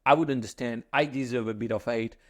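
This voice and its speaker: A man's voice: mid-range voice, steady tone, brisk. A man from France with a French accent, talking to camera in a casual, joking monologue with self-mocking asides. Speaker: finance YouTuber.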